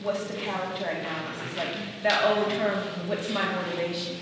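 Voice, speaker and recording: A woman's voice: medium pitch, steady tone, normal speed. A woman giving advice in a conversational, explanatory way at a public discussion. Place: large reverberant room at a public discussion. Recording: very echoey noisy hall, distant mic.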